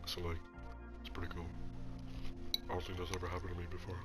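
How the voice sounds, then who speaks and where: Low-voiced young man chatting while eating. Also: monotone, fast talker, over loud music. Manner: chatty, talks while eating and slurping noodles. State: sniffling. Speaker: podcast host. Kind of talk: casual mukbang chat.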